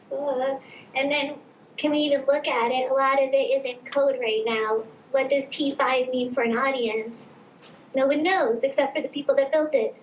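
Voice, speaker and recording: A woman's voice: sits high, a little hiss or hum. A woman speaking as a panelist at a conference, upbeat and explanatory. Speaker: marketing panelist. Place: conference stage. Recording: echoey conference hall.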